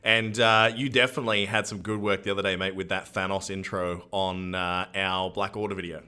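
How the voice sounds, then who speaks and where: An upbeat man hosts a casual podcast, joking around and plugging the show. His voice sits fairly low but sounds bright and forceful. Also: level tone, fairly quick, clean tone. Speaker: podcast host.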